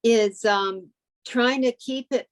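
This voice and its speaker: Slow-paced and a little high, this woman's voice belongs to a friendly co-host in casual chat. She guides her friend one step at a time, her advice peppered with fillers like "like" and "um."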